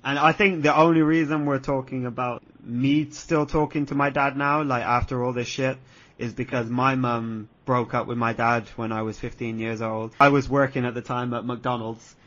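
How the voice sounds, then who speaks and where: A man's voice: mid-range voice, fairly even intonation, moderate pace, a bit bright, muffled recording. A young man telling a personal story in casual chat, rambling, swearing freely and laughing often. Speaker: guest telling a life story.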